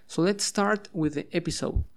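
Slow, patient teacher man. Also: fairly high pitch, gravelly. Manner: patient, drills words with repetition. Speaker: English teacher and podcast host. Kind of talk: bilingual podcast lesson. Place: home.

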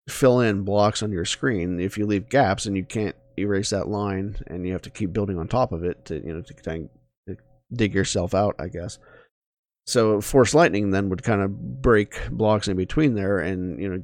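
A man's voice: lowish voice, normal speed, darkish tone. A man co-hosting a podcast, chatting casually with lots of fillers and restarts. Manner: rambling, many fillers and restarts. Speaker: podcast co-host. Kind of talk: casual chat.

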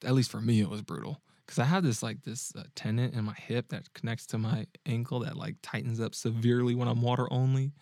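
A man's voice: medium pitch, brisk, hardly any pauses, no echo. A man with an ordinary mid-range voice shares a personal story on his podcast, recorded dry with no room sound. He talks casually and animatedly, chuckles often and stumbles into restarts as he goes. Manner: animated, laughs often, frequent restarts and check-ins with the listener. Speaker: podcast host and dating coach.

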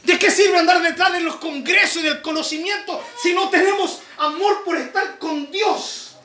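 A man preaching a sermon to his congregation, emphatic, with sudden shouts and slow repeated lines. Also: very high voice, steady tone, reverberant, soft background music. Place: church.

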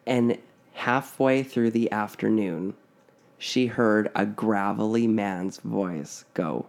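Man, gravelly voice, podcast co-host, casual rambling storytelling, lots of fillers. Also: lowish voice, steady tone, slow pace. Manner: rambling, with many fillers and restarts.

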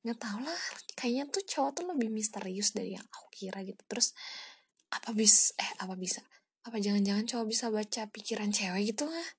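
A seventeen-year-old girl hosting a casual solo podcast from home, rambling softly in a half-whisper with lots of fillers. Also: mid-range voice, animated, brisk, slightly rough, no echo. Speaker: podcast host.

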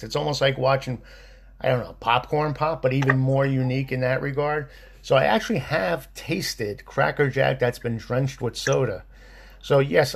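A man's voice: medium pitch, gravelly. A man co-hosting a casual podcast, rambling and joking as he talks. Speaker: co-host.

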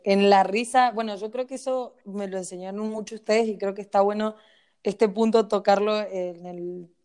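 A woman's voice: medium pitch, a little mellow, clean tone. A woman from Argentina with an Argentine accent, co-hosting a casual podcast and talking playfully with frequent laughs. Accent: Argentine Spanish. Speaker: podcast co-host. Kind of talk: casual chat.

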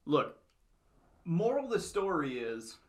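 A man's voice: a little high, sing-song, a little slow. A man hosting a comedy podcast with casual, crude, joking banter.

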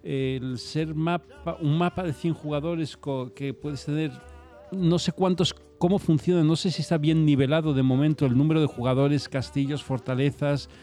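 A man's voice: fairly high pitch, fairly even intonation, normal speed, warm tone, faint music behind. A man chatting on a podcast in a hesitant, laid-back manner. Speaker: podcast co-host. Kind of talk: casual chat.

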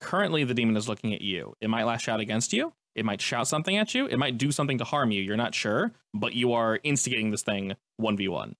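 Fast-talking man running a tabletop game. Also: medium pitch, sing-song, fairly bright tone, no room sound. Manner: conversational, descriptive, explanatory. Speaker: game master. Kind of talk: improvised tabletop game narration.

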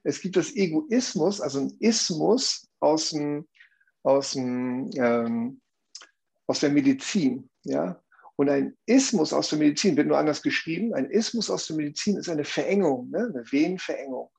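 Gravelly husky German-speaking man. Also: a little high, animated, normal speed, a little mellow. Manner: earnest, explanatory, frequent tag questions. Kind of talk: explaining in a conversation.

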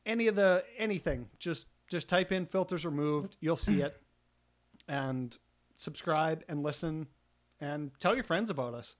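A man's voice: a little high, a little slow. A middle-aged man co-hosting a podcast, rambling casually with restarts and self-deprecating jokes. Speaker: podcast co-host.

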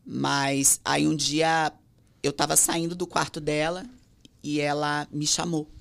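A Brazilian woman, a guest on an interview podcast, shares a personal story in a Brazilian Portuguese accent. Her low-pitched voice is gravelly with a fried texture, her delivery flat and slow. When quoting others, she switches into acted voices.

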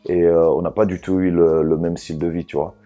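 A man from Congo telling his life story in a casual podcast chat, relaxed, often ending a phrase with a tag question. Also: sits low, brisk, muffled recording.

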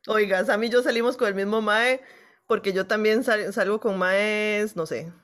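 Crude-joking Costa Rican woman. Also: mid-range voice. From Costa Rica. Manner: crude, joking, heavy slang. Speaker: podcast co-host. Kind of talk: casual podcast chat.

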